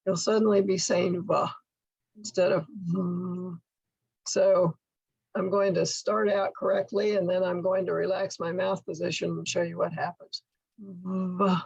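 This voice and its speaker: Older lady tutor trainer, slow careful sound-by-sound teaching, creaky husky voice, kinda dull recording. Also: mid-range voice, darkish tone, no echo. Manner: slow, careful enunciation, modeling speech sounds step by step. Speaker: workshop instructor for literacy tutors. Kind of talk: instructional slide presentation. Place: indoor room at home, video call.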